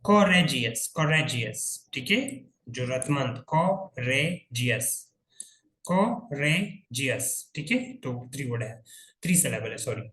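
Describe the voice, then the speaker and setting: A man's voice: medium pitch, animated, a little slow, sharp tone, roomy sound, poor audio. A man teaching an English grammar lesson, spelling words out letter by letter and asking his listeners checking questions.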